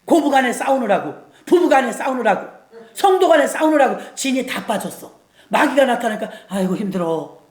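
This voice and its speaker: A woman's voice: high-pitched, expressive, fairly quick. Casual emphatic lady pastor preaching, keeps repeating lines and asking for amens, roomy echo. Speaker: guest pastor. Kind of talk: sermon. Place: church sanctuary. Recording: roomy church hall echo.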